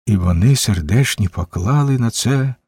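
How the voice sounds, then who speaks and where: A man reading a novel aloud as a measured audiobook narrator. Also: lowish voice, animated, a little mellow, husky, dry recording, clean studio sound. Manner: measured, unhurried storytelling. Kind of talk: scripted narration.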